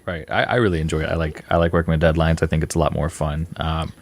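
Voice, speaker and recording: A young man being interviewed as a filmmaker guest, answering in a relaxed, rambling way with fillers. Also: extremely low pitch, quick pace, dry recording.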